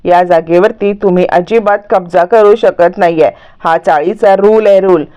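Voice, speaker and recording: A woman's voice: on the low side, moderate pace, warm tone, clean tone, lo-fi sound, close to an everyday voice. A woman voicing a cheeky young boy who argues back and wails for his mother in a story recap. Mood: arguing.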